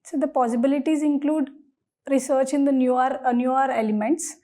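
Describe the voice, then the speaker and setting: Indian woman, high voice, formal and slightly hesitant interview candidate, deferential to the panel. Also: steady tone, brisk, warm tone. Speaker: candidate in mock civil service interview.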